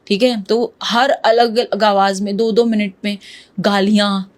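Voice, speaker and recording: A woman's voice: medium pitch, flat delivery, a little slow. A woman guest in an interview, telling a true ghost story in a vivid way and slipping English words into her Hindi. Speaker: podcast guest.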